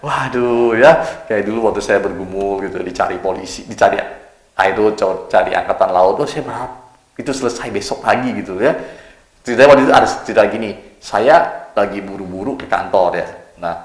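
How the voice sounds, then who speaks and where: A man's voice: on the low side, fairly quick, reverberant. A male pastor giving a casual, colloquial sermon, acting out people's cries and voices as he tells the story. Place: church hall.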